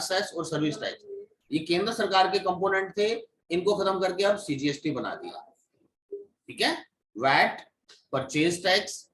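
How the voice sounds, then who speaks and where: Male instructor, fairly high voice, classroom lecture, recorded from across a roomy space. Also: fairly bright tone, slight background noise. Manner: explains step by step, checks in with "ठीक है". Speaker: GST course instructor. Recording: echoey room, mic at a distance.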